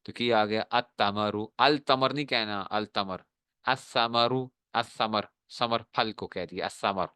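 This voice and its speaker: A male teacher giving a classroom lesson, often checking whether students have understood and drawing out example words slowly. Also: fairly low pitch, sharp tone, clear, resonant tone, no echo.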